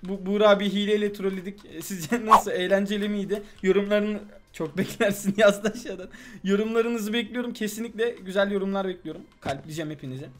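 A young man hosting a gaming video, chatting excitedly and playfully with a friend while he plays. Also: high voice, fairly quick. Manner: loud, playful, exclamatory, protesting innocence. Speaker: gaming channel host. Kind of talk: excited gameplay chat with a friend.

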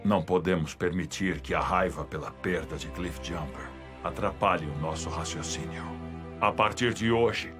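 A giant robot leader performed by a man with a deep voice. He speaks solemnly and formally, with noble gravity. Music plays clearly behind this cartoon commander. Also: natural voice. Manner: grave, measured, formal. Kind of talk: animated series dub acting.

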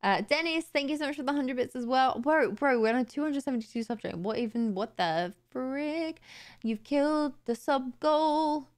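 On a close boom studio mic in her home streaming room, a young woman chats casually and thanks viewers late at night. Her voice sits high at a moderate pace, slightly raspy from tiredness. She comes across as chatty and bubbly, laughing easily.

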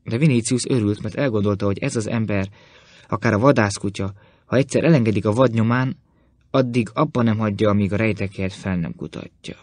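A man narrating a classic novel as an audiobook, in measured storytelling. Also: fairly low pitch, darkish tone, no echo.

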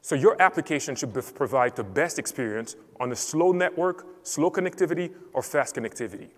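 A man's voice: fairly high pitch, expressive, brisk. Man presenting in a big hall. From Cameroon. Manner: clear, structured presenting. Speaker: conference speaker. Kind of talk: technical conference talk. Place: large conference hall stage. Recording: reverberant conference hall.

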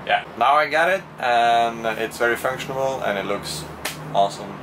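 Aboard a small sailboat, moving between cockpit and cabin, a young sailing vlogger talks casually into a handheld camera at arm's length. His mid-range voice runs at normal speed as he thinks aloud. The on-board camera audio is noisy, with a constant hum.

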